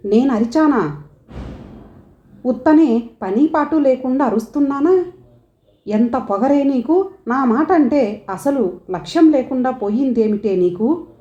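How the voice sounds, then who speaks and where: Give me a woman playing a fed-up, shouting mother, pitched a little high, in a dull echoey recording. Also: animated, a little slow, pauses often. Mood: angry scolding. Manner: scolding, raised voice. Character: exasperated middle-aged mother, quick-tempered. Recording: dull roomy home recording.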